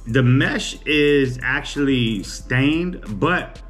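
A man's voice: medium pitch, extremely slow, fairly bright tone, soft background music. A man, chatting casually to camera in a small room about his day. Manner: chatty, laid-back, teasing. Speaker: vlogger. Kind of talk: casual chat. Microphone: camera on a table.

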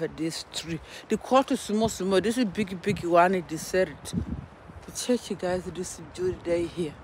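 Slow-talking Burundian woman vlogging outdoors. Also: fairly low pitch, a little mellow. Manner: emphatic, repeats words and phrases. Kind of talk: casual outdoor vlog. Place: outdoors, walking in a forest. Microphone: phone at arm's length. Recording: noisy outdoor phone recording, wind and rustling.

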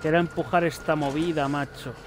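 A man's voice: a little high, fairly even intonation, fairly quick, background noise. A young man, commenting casually on a horror game as he plays, swearing and chatting to the characters. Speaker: gaming YouTuber. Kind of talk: let's play commentary.

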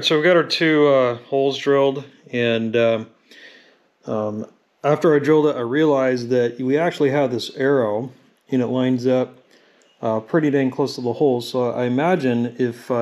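A man talking through a mechanical repair in a home workshop, relaxed and halting with frequent fillers, recorded on a camera filming his hands. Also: medium pitch, lo-fi sound. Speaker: mechanic demonstrating engine rebuild. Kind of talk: casual workshop tutorial. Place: home workshop at a drill press.

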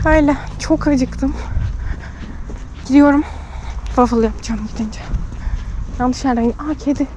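A young woman from Turkey, a doctor and vlogger, chatting and telling stories in a lively, animated way while walking the streets with a handheld phone. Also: high voice, unhurried, pauses often, lo-fi sound, slight background noise. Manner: chatty, animated storytelling with laughs. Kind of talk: casual vlog chat.

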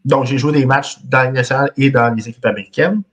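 A man's voice: mid-range voice, steady tone, quick pace, a bit bright. A man in his thirties with a Quebec French accent hosting a casual podcast quiz over a video call, reading clues in the first person and laughing often. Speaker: quiz host. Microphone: video call webcam.

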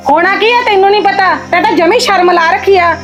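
A woman's voice: very high voice, fairly quick, muffled recording, loud music behind the voice. A woman acting a young sister-in-law who scolds her in-laws sharply, in a village short film. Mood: scolding. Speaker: actor.

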